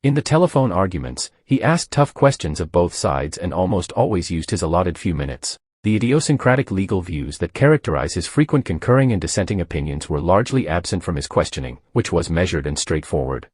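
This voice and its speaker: A man with a low, husky, slightly mellow voice reads a scripted news story, his very animated intonation rising and falling a great deal. He speaks fairly quickly with hardly any pauses, and the recording is close and dry, with no room around it.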